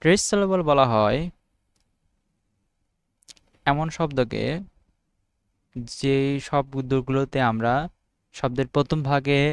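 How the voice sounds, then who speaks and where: A young Bangladeshi man talks through his notes in an unedited study video, reading English definitions out slowly, a word at a time. His voice is smooth and clear, recorded close and dry with no room sound. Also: mid-range voice, no room sound. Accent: Bangladeshi Bengali. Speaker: student making study videos. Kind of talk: informal unedited study lesson.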